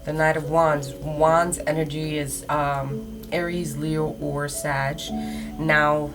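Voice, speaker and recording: Female tarot reader, lower register, casual and direct mystical horoscope delivery, prominent music underneath. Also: flat delivery, takes it slowly. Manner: casual, conversational, addressing listeners directly. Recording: loud background music. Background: music, shuffling cards.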